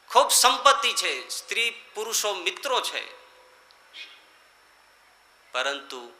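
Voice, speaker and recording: Bright-voiced preaching monk. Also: male voice, reverberant. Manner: rhetorical, swinging between loud emphatic lines and quiet low ones. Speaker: monk giving a scripture discourse. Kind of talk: sermon.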